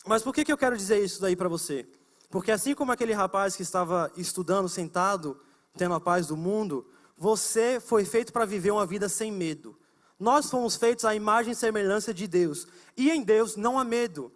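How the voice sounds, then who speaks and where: A young man preaching to a youth service, telling a story with lively, acted-out voices. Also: high-pitched, fairly quick. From United States. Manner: animated storytelling, acting out shouting and whispered prayers.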